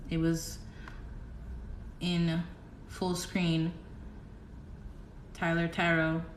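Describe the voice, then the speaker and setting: A young woman giving a casual livestream tarot reading, chatty and excitable, rambling with giggles. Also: fairly low pitch, reverberant, slight background noise. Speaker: tarot reader.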